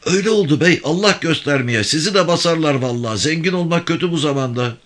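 A man voicing a fretful, deferential villager who speaks in a raised pitch. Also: expressive, fast talker, a bit bright. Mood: worried.

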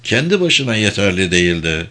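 A man narrating a novel as an audiobook, in a measured, expressive storytelling manner. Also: low-pitched.

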